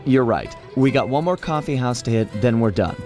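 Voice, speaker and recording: A man's voice: medium pitch, animated, brisk, natural voice. An actor playing a suave, cocky male raccoon master thief in a video game, laid-back and wry, in a game clip with music behind him. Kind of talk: video game cutscene acting.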